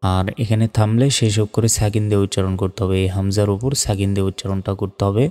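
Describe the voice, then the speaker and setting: A man teaching Quran reading, spelling out Arabic syllables one by one and then reciting the verse slowly. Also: on the low side, flat delivery, a little mellow, in a large hall.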